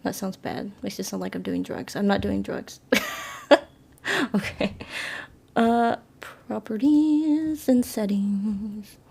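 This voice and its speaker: A woman's voice: medium pitch, monotone, a little slow, vocal fry, pauses often, slightly rough. A woman live streaming from her phone with a plugged-in mic, chatting apologetically with viewers and reading a story game aloud. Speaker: livestreamer.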